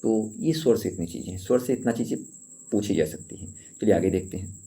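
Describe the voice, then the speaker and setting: A man teaches an exam-prep grammar lesson in a low, warm, mellow voice. He asks his class questions and answers them himself. He repeats the key points so they stick. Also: a little fast. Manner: draws out sounds when demonstrating vowels.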